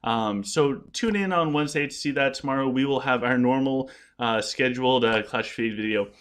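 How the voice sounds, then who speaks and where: A man's voice: medium pitch, fairly bright tone. Casting: male gaming vlogger with a mid-range voice, explaining things earnestly in loose, stop-and-start casual talk. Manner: halting, repeats and restarts words. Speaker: gaming content creator addressing viewers. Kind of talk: casual unscripted vlog talk.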